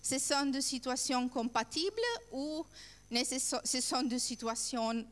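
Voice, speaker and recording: Slow-speaking woman trainer in an echoey hall. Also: high voice. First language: not French. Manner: halting, searching for words in non-native French. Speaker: workshop trainer. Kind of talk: informal workshop presentation with questions to participants. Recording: echoey hall with long reverb.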